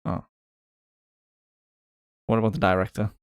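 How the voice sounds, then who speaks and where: Low-voiced man in playful podcast chat. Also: flat delivery, a little slow, clean tone, no echo, studio quality. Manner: playful, guessing aloud with hesitations. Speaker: podcast co-host. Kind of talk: casual chat.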